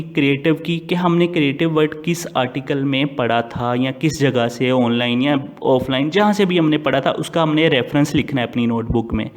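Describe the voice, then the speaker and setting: A man who speaks Urdu natively, giving an online English vocabulary lecture. He quizzes his students and answers his own questions, and he reads English phrases out slowly. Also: a little high. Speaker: English teacher. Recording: long hall reverb.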